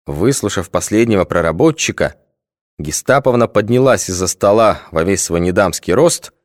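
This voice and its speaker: A man narrating an audiobook in a measured, literary reading. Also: deep voice, animated, no echo, clean studio sound. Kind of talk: scripted narration.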